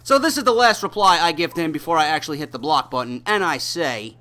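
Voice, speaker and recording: A young man from New York doing a gameplay voice-over, his high voice swinging widely up and down. He talks with a bright, sharp edge as he mocks and rants at his commenters. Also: quick pace. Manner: animated, mocking, ranting delivery. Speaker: gaming YouTuber reading hate mail.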